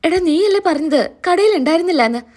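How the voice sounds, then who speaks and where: A woman's voice: very high-pitched, animated, fast, darkish tone, voice pushed up. A woman retelling a story, voicing an anxious wife crying over her missing husband. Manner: tearful, anxious.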